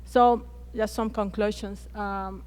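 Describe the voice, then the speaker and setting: In a conference plenary hall, a Chilean woman who speaks Spanish as her first language addresses a panel, often hesitating and restarting words. Her mid-range voice is slow, slightly mellow, and fairly even in intonation.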